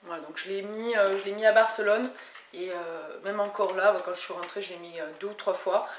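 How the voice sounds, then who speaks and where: Woman from France, casual beauty vlogger, talks in a chatty way with lots of hesitations and restarts. Mid-range pitch, recorded at home in an echoey room with faint background noise. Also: fairly even intonation, fairly quick. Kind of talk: casual haul video chat.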